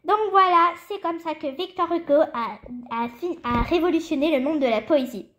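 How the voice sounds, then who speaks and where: A woman voicing a hurried school teacher in a toy-game story, brisk and bossy. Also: sits high, fairly bright tone. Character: hurried middle school teacher ending class.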